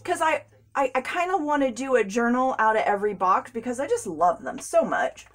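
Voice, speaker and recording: A woman's voice: high voice, sing-song, a little fast. A woman, chatting casually and gushing as she unboxes craft supplies, laughing often. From United States. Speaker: crafting vlogger.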